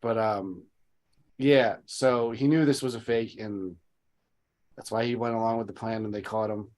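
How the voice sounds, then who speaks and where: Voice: mid-range voice, fairly even intonation, moderate pace, darkish tone. A podcast co-host casually recapping a TV episode, rambling with lots of restarts. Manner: rambling, with frequent restarts and fillers.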